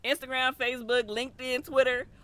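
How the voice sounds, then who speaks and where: A woman therapist chatting as a podcast guest, with a bright, crisp tone. She talks candidly and upbeat, laughing easily with the hosts. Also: high-pitched, little pitch movement, brisk, no room sound. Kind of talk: casual podcast chat.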